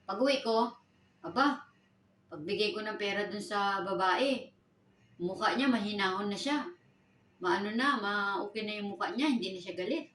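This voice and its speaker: Filipino woman recounting her own story, lively quoting, roomy distant sound with faint background. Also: normal speed, pauses often, slight background noise. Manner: animated retelling, raising pitch for quoted lines. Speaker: domestic worker telling her story. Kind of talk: personal storytelling.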